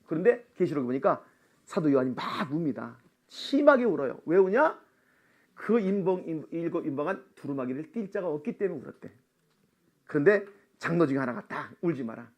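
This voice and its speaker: A middle-aged man preaching at a church seminar, animated and laughing often, calling out for amens. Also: fairly high pitch, brisk. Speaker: missionary seminar speaker. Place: church sanctuary.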